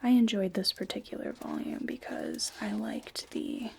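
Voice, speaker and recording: A woman in a whispered role-play as a librarian, using a soft, breathy library whisper with a gentle, unhurried murmur. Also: on the high side, steady tone. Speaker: ASMR performer playing a librarian.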